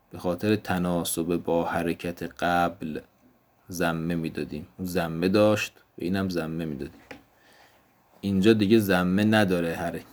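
A man teaching an Arabic grammar lesson, explaining step by step and repeating each example word slowly. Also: sits low, darkish tone. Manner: slow, deliberate explanation, repeating example words.

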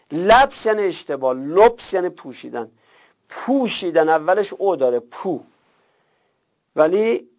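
Slightly high-voiced man teaching grammar. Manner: reads slowly, then explains quickly, drilling word forms in lists. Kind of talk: classroom lecture, reading and explaining a text. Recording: dull lo-fi recording.

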